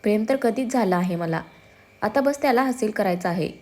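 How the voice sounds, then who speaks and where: A woman voicing a determined, ambitious young man who speaks firmly and teases his twin brother with calm confidence. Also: medium pitch, a little fast, close to an everyday voice. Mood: confident. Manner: firm, self-assured, gently teasing.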